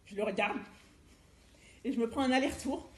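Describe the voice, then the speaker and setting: A middle-aged woman from Eure-et-Loir, France, a life coach and former youth educator, gives a personal presentation in an indoor seminar room, telling stories conversationally. Her voice is on the high side and fairly quick. The recording has a roomy echo and faint background noise.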